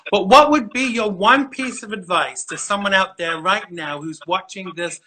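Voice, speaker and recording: In this casual livestream interview, the middle-aged host is chatty and effusive, so eager he keeps restarting and filling gaps. His voice is high, bright and forceful at a normal speed, on a low-quality recording with slight background noise.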